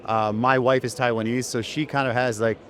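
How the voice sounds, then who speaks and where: A man's voice: medium pitch, flat delivery, brisk. A man hosts a long-form interview in a casual, loose way. His questions wander and fill up with small fillers. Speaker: podcast host.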